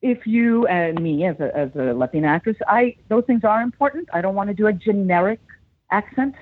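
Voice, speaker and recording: A brisk, medium-pitched woman from the United States, a middle-aged actress, chats through a casual interview. She tells stories animatedly, acts out quotes and laughs often, all over a tinny phone line.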